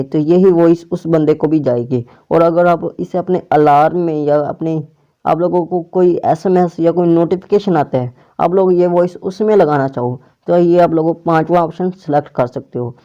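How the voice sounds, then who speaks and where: Here the host's voice is slightly high and warm. He leads a casual app walkthrough one step at a time, often going back to repeat and rephrase what to do, recorded through a clip-on or plugged-in mic with a dull, muffled lo-fi quality.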